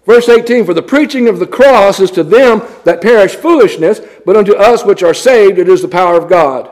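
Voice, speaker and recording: A man with a notably high voice delivers a sermon. His preaching is blunt and scornful, and he reads scripture in old-fashioned wording. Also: animated, fairly quick, darkish tone.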